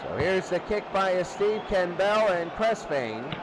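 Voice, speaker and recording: In short bursts, a radio announcer retells the action of a live football match, his high voice very animated yet unhurried. A loud stadium crowd roars throughout the very noisy recording.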